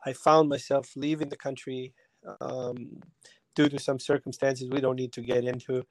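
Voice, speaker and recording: Flat-voiced man from Albania, dry sound. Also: mid-range voice, normal speed, no echo, poor audio. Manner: hesitant, many ums and restarts. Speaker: soccer technical director, guest. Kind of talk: casual interview talk.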